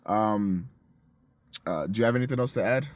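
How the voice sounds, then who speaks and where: A man co-hosting a casual music review chat, animated and profane, acting out his own reactions. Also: on the low side, normal speed, no echo. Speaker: co-host of a music review show.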